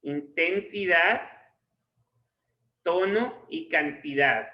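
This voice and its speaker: Slow, dictating male literature teacher. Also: a little high. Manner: reads slowly in short phrases as if dictating. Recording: echoey room, dull lo-fi sound.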